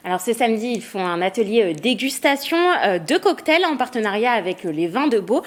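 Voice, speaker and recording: A woman's voice: on the high side, expressive, fairly quick. A woman presenting gift ideas on a local TV show, speaking hesitantly with frequent fillers. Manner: hesitant, many "euh" fillers. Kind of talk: local TV magazine segment.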